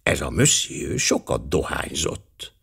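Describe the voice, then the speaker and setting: A man reading an audiobook voices a quiet, precise older male detective who speaks softly and deliberately. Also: sits low, sing-song, heavily acted. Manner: soft, measured, slightly apologetic.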